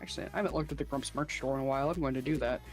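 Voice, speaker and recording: A woman's voice: rumbling low, racing. Chill woman hanging out on a friend's stream, faint music in the back. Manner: easygoing, fills with "uh". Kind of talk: casual chat.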